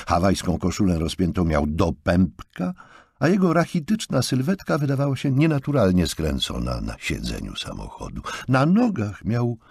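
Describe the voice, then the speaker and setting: Low, husky male narrator; animated audiobook reading, swinging pitch. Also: dry recording, studio quality.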